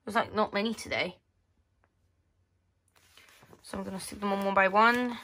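In this indoor tabletop video, the female host pages through a magazine, reading snippets aloud and chatting casually with hesitant, reworded sentences. She speaks at a moderate pace in a steady, mid-range voice that sounds pushed and bright.

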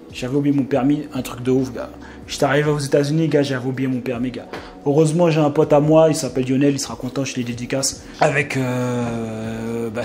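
A young Frenchman telling a casual vlog story, rambling with many fillers and restarts and sudden animated outbursts. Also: a little high. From France. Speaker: vlogger.

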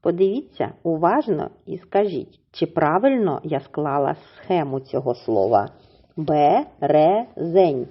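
A woman teacher with a husky voice, giving a slow, clearly enunciated reading lesson to young children and drawing out words syllable by syllable. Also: sits low, lively intonation, muffled recording. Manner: syllable-by-syllable drawn-out pronunciation, encouraging. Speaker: primary school teacher.

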